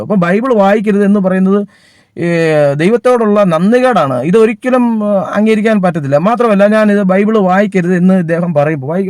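A man preaches in a high, lifted voice, recorded close and dry with no room sound. He stops often, fills gaps and restarts his sentences as he works through his point. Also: darkish tone, no room sound. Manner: halting, many fillers and restarts. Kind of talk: sermon.

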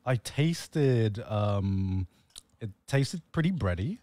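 A man's voice: on the low side, animated, takes it slowly, mellow, no room sound, studio quality. A young man in casual stream banter, laughing and teasing. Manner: laughing, teasing, keeps asking for butter. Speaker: podcast co-host.

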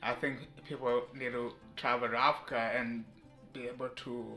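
Talking to camera at a normal speed, this Mashi-speaking man in his thirties from eastern Congo keeps his delivery flat, with a medium pitch and a pushed, bright sound. The vlogger laughs frequently and reacts with amused disbelief. Faint music and echo fill the indoor living room with shelves.

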